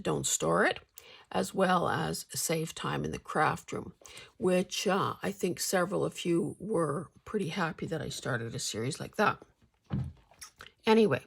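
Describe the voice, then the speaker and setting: Older lady doing a chatty craft vlog, gravelly voice, slow halting talk, bit of a candy-in-mouth sound. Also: on the low side. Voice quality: slightly mouth-full speech, as if sucking a candy; husky, gravelly. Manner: halting, hesitant delivery with pauses. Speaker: craft channel host.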